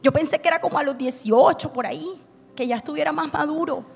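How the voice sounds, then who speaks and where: A woman pastor preaches an emotional personal testimony at a conference, speaking fast in a high voice with vocal fry and acting out things she once said. The large church hall adds reverb, with soft music in the background.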